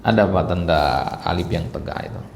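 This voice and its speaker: A man's voice: deep voice, fast, gravelly, slight background noise. A man teaching a study class in a mosque hall, patiently repeating words and quizzing his listeners. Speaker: Quran teacher.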